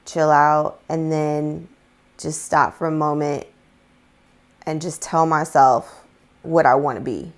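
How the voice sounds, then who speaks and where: A woman speaking candidly and reflectively in a casual conversation, often halting mid-sentence. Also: deep voice, steady tone. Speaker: guest.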